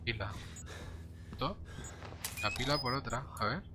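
A man's voice: medium pitch, a little slow. A young man with a Castilian Spanish accent giving casual, jumpy horror game commentary, muttering to himself and swearing when startled. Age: young adult. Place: small room indoors. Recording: game ambience and noise behind voice. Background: horror game ambience.

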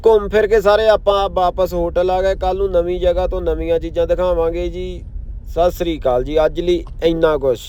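A man's voice: high-pitched, fairly even intonation, brisk, warm tone, smooth. A man with an Indian Punjabi accent narrating a travel vlog in casual, slangy, exclamatory talk. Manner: colloquial, slangy, admiring exclamations. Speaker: travel vlogger.

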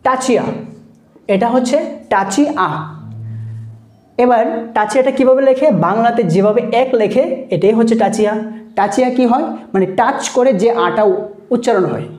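A woman's voice: on the high side, a little mellow. A woman teaching a phonetics lesson, patiently repeating example words and checking that students follow. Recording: echoey room.

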